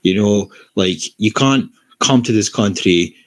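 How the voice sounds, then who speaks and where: A man's voice: on the low side, unhurried. A Scottish man hosting a livestream discussion, blunt and swearing, restarting his sentences often.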